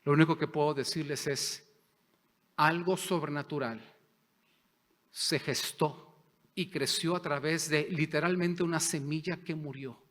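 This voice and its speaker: A man preaching a sermon as pastor, impassioned, swinging between loud declarations and hushed, near-whispered prayer. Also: fairly high pitch, fairly even intonation, a little slow, pauses often. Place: church sanctuary. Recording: long hall reverb.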